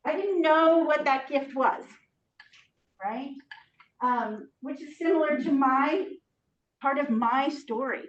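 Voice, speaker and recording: A middle-aged woman speaking through a face mask, her voice muffled, giving a halting, encouraging, informal workshop talk. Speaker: ministry trainer leading a teacher training. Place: echoey room, speaking to a group. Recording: muffled, echoey room recording, distant mic, rumble.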